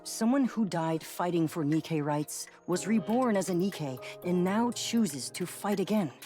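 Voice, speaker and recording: An actor playing a composed, formal corporate representative whose voice comes through a robotic voice changer, speaking in a measured, persuasive way in a video game. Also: male voice, high voice, lively intonation, darkish tone, faint music behind. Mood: measured, earnest.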